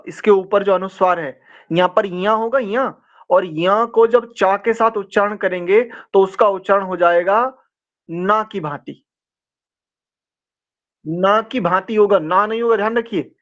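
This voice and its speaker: A man leads a scripture class in a fairly high voice, spelling out each syllable of a mantra and then chanting it in long, drawn-out tones. He speaks slowly and patiently between the chants. The recording sounds dull and lo-fi. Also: fairly bright tone. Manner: carefully corrects pronunciation syllable by syllable. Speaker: Vedic teacher.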